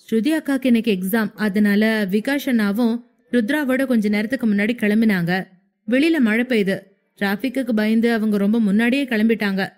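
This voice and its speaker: A woman's voice: fairly high pitch, fairly quick, darkish tone, natural voice. A woman narrator voicing a frightened young wife who pleads in a shaky, tearful voice. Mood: calm.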